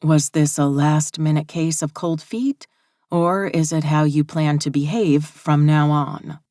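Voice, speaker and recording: A composed young woman who takes charge in a calm, polite, firm tone, as a woman narrator voices her. The delivery is low and slow, with a dry close sound. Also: no room sound.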